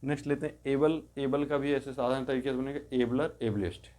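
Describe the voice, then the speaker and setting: Male tutor, patient and steady, mid-pitched voice, repeats each form slowly, explains in Hindi, says English forms aloud. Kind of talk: step-by-step grammar lesson.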